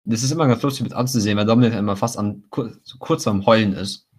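Young man with a smoker's rasp. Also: on the low side, fast talker, darkish tone. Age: teenager or young adult. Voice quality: raspy, like a smoker's voice. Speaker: podcast co-host. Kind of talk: casual podcast banter.

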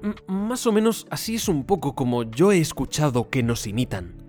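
A man with a Spain Spanish accent co-hosts a podcast in easy, joking chat. His pitch jumps around a lot as he plays up his stories. Faint music sits under his voice. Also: moderate pace. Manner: jokey, animated, slips into mock voices. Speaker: podcast co-host. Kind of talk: casual chat.

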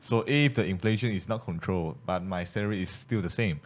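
Easygoing Malaysian man with a low voice. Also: a little fast. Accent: Malaysian English. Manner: laughs easily, agreeable. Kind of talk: casual discussion.

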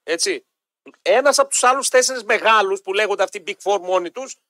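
A man's voice: high-pitched, no echo, clean studio sound. A man hosting a sports radio show, chatting casually and animatedly with his co-host and callers. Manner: animated, quotes listeners' messages.

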